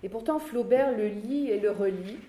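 A woman lecturer giving a literary lecture in a measured, explanatory way, in a roomy space with faint background noise. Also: mid-range voice, warm tone.

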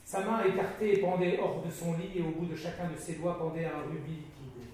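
A man narrating a classic novel in a dramatic, measured way. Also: on the high side, a little mellow, slight background noise. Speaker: reader. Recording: very echoey, distant mic.

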